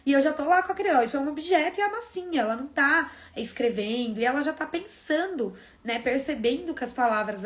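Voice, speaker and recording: A woman hosting a live stream for teachers, explaining step by step and asking and answering her own questions. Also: on the high side. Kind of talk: casual teaching talk.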